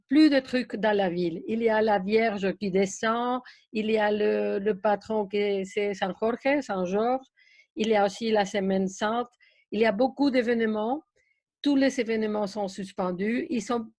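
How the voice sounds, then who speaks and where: Slow, halting woman with a Spanish accent. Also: a little high, a little mellow, dry recording. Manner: hesitant, halting non-native French. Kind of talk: spontaneous panel remarks.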